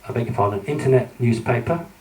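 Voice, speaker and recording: Presenting slides in a conference hall, a man speaks earnestly but hesitantly, with many fillers. He's medium-pitched, animated, fast-talking, and darkish in tone, with a distant mic catching the echo of the hall.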